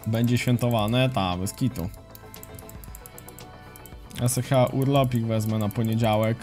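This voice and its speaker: A man streaming a game, commentating casually and chatting with viewers in a relaxed, slangy way. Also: mid-range voice, unhurried. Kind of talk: casual live commentary while playing and reading chat. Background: faint music and keyboard typing.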